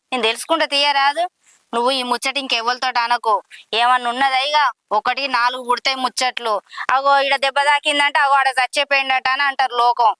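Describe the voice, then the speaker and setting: A woman's voice: high voice, pushed and bright, clear, resonant tone, dry recording. An actress with a Telangana Telugu accent playing a worried, scolding village mother. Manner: fretful, scolding. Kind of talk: village drama acting.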